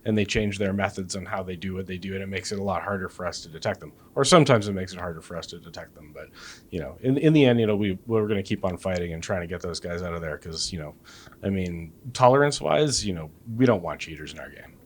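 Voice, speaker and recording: A man's voice: sits low, quick pace. A man answering interview questions as a game developer, hesitant and full of restarts. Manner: hesitant, many restarts and fillers.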